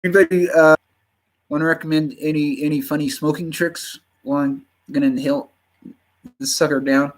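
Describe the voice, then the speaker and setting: A man in his fifties with a slight Southern drawl, chatting casually on a livestream in a halting way full of fillers and restarts. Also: fairly high pitch, steady tone, low-quality recording. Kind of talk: casual rambling chat.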